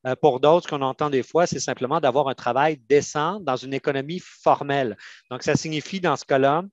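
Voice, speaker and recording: Answering online panel questions as a union adviser, a Canadian man with a Quebec French accent explains methodically, with a halting delivery. He speaks at medium pitch, and the sound is dry and lo-fi.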